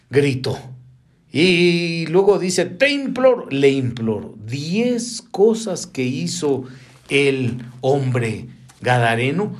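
A man preaching a sermon, animated, leaping up in pitch and dropping to hushed asides, calling the listeners brother.

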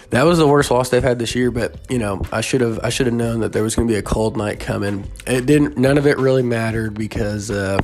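A man at a middle pitch hosts a solo sports betting podcast, sounding tired and yawning early in the morning. He talks in a loose, rambling way, full of restarts and fillers. Faint music sits quietly behind him.

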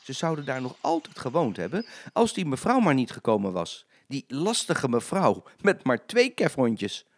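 An older man, a grandfather, reading a children's story aloud in an expressive, sing-song way. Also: medium pitch, moderate pace, hardly any pauses.

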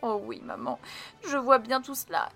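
A woman voicing a remorseful little girl who talks haltingly, on the verge of tears. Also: a little high, fairly even intonation, gravelly, pushed and bright, faint music behind, pitched above the performer's own voice, heavily acted. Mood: upset. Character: young girl, remorseful, tearful.

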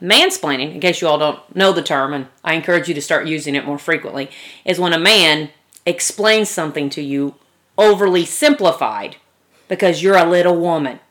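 Bright-voiced woman with dry humor. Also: low-pitched, normal speed. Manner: leads questions, dry teasing humor. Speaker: podcast co-host. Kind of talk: casual chat among friends.

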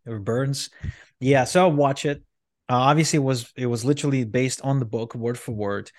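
Guesting on a podcast, a Ukrainian entrepreneur who grew up speaking Russian tells his story at a moderate pace and an ordinary pitch for a man. He wanders, restarts often, and fills gaps with "um"; his voice is recorded dry and close, with no sense of the room.

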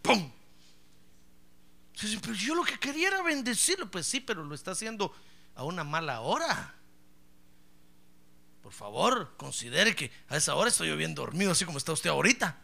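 A middle-aged male pastor preaches with a high, swooping voice that is strikingly bright and forceful. A gravelly edge runs through his speech as he acts out the voices in his story. He keeps turning to his listeners and calling them brother. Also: normal speed, pauses often. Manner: animated storyteller, acts out both sides of dialogue, calls listeners "hermano". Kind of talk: sermon with acted anecdote.

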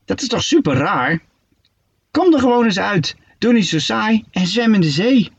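A man's voice: sits high, big pitch swings, normal speed, creaky, breathy edge, voice pushed up, heavily acted. A man voicing a cheerful, fibbing male seahorse in a storybook reading, chirpy and coaxing. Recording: dull lo-fi recording.

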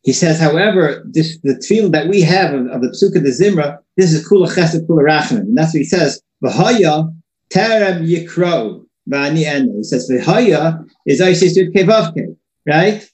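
A man's voice: a little high, animated, moderate pace, darkish tone. A man giving an informal religious lesson, talking loosely and often repeating and restarting his words, heard in an echoey room. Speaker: religious teacher.

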